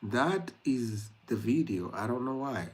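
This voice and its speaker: A young Kenyan man hosts a late-night YouTube livestream, chatting casually and directly with his viewers and using lots of fillers. His voice is medium-pitched and expressive, and he speaks a little slowly.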